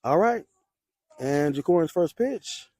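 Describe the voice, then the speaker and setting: A young man calling play-by-play for his school's junior varsity baseball team, rooting for his side and jumping up in pitch on big plays. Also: unhurried, no room sound. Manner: excitable, rises sharply on big plays. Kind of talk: homer play-by-play commentary. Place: ballpark.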